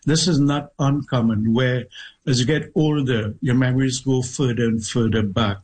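A middle-aged man from Trinidad with a Trinidadian accent, a guest author telling stories from his childhood in a measured, thoughtful way, with pauses and restarts. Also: mid-range voice, fairly even intonation, darkish tone, husky, poor audio. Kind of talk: reflective interview storytelling.

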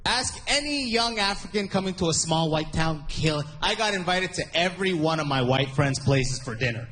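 A man from Sudan doing an animated stand-up comedy set on a festival stage, playing to a laughing audience. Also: normal speed. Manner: animated, jumps high for impressions. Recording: live show with crowd noise.

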